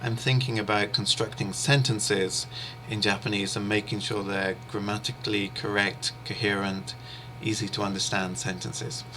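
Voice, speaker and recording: A man, a native English speaker, teaches an online interpreting lesson in a measured, patient way. His voice sits low yet sounds bright and forward. He pauses often and fills gaps with small ums and uhs. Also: a little hiss or hum, rough recording. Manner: measured, steady explaining with frequent pauses and fillers. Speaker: interpreting instructor. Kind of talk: explanatory online lecture.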